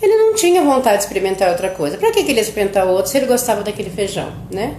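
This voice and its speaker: A woman's voice: medium pitch, sing-song, very fast, a little mellow, slight background noise. Chatty woman's live stream in a roomy space. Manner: chatty, keeps asking "né?" after her sentences. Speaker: host of a live stream about children's nutrition. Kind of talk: casual live-stream storytelling. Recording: roomy echo.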